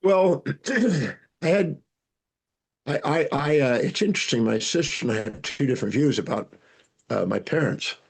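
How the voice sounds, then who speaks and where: An older man, a guest speaker and educator, telling animated stories from his life in an interview, with frequent restarts. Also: mid-range voice, moderate pace, gravelly, breathy edge. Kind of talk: storytelling interview answers.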